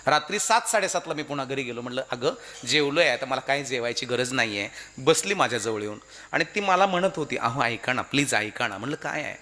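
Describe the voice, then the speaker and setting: Animated Marathi kirtan preacher man. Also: medium pitch, fairly quick. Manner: animated, calls out questions to the audience. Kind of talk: devotional kirtan sermon with sung verses.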